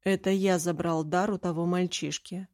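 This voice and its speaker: A woman's voice: fairly low pitch, steady tone, moderate pace, darkish tone, no echo, studio quality, close to an everyday voice. A woman voicing a stern, secretive young male mage who speaks in a curt, cutting way, in an audiobook reading. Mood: cold.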